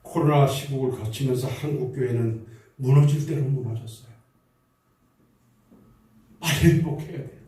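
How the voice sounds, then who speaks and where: A man's voice: mid-range voice, moderate pace, pauses often, mellow. A man preaching a sermon as pastor, building up to repeated rhetorical questions and closing in prayer. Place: church sanctuary. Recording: echoey church hall, mic at a distance.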